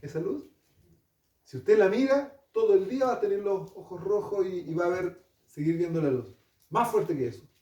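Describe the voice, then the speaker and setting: A man's voice: high voice, lively intonation, normal speed, dark tone, muffled recording. A male pastor, preaching a storytelling sermon and putting questions to the congregation. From Chile. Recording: echoey hall, distant mic.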